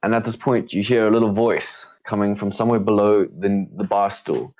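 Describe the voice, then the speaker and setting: Low-voiced male game master. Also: fairly even intonation, normal speed, darkish tone, muffled recording. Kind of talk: improvised tabletop game narration.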